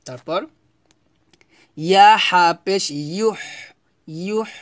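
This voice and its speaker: A man teaches Quran reading, drawing out each Arabic syllable slowly so learners can repeat after him. His voice sits a little high and comes through smooth and clear. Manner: slow, drawn-out syllable-by-syllable recitation, repeating for students to follow.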